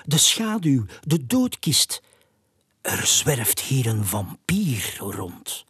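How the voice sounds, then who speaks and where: A storyteller voicing an excitable male owl who is easily spooked, with a breathy, exclaiming, high and alarmed voice in a storybook. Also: very slow, no room sound, clean studio sound, full character voice. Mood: excited. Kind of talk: storybook character voice.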